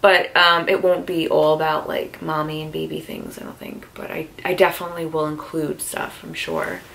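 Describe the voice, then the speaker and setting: Rambling young woman vlogging, lowish voice. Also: normal speed, vocal fry, a bit bright. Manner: rambling, filler-heavy, frequent "like". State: tired and emotional, out of breath at times. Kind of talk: casual vlog to camera.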